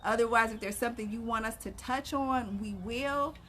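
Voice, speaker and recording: A woman's voice: a little high, normal speed, a bit bright. A woman co-hosting a relationship livestream from the backyard, giving conversational advice and posing rhetorical questions. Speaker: co-host of a relationship ministry livestream. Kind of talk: casual advice chat. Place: outdoors in a backyard. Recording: some background noise, outdoor livestream.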